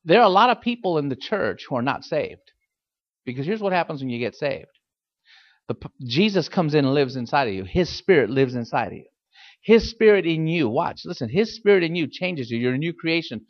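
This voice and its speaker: A man's voice: a little high, big pitch swings, fairly quick, lo-fi sound. A man preaching a fiery sermon as a pastor, emphatic and exhorting, repeating phrases and putting pointed questions to his listeners.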